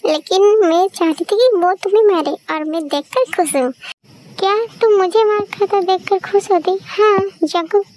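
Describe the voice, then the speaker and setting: A woman reading a fan fiction audio drama, voicing every character herself with quick, emotional dialogue. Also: very high voice, a little mellow. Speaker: fan story narrator.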